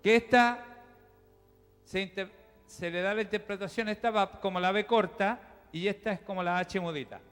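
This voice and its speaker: Man, pastor, high-pitched, preaching in a church hall with reverb and faint music. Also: fairly even intonation, moderate pace, a bit bright, smooth. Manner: teaching, chatty, addresses the congregation directly. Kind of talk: sermon.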